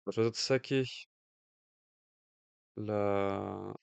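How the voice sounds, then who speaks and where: A man's voice: lowish voice, steady tone, slow, gravelly, a little mellow, smooth, dry recording. A man with a French accent giving casual live commentary on a card game match, thinking aloud with hesitant fillers. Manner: jokey aside in accented English. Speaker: stream commentator.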